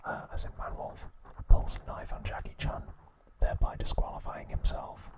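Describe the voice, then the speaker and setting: Here a man hosting ASMR content recaps episodes in whispered narration. The delivery is hushed and breathy, broken into brief, deliberate phrases.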